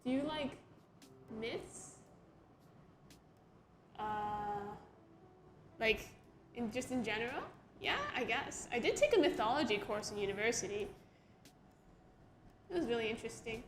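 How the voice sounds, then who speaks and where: A young woman who draws comics chats casually on a livestream from her home room, reading viewer questions aloud and laughing often at herself. Her voice sits on the high side with lively intonation, a little slow with long pauses, and there's a slight hiss or hum. The room echoes, with music playing behind her.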